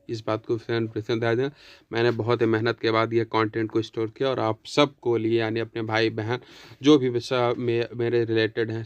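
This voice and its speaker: Clear-voiced male English teacher, dry sound. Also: mid-range voice, dry recording, dull audio. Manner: addresses viewers as friends, reads English lines slowly word by word. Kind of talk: spoken pronunciation lesson.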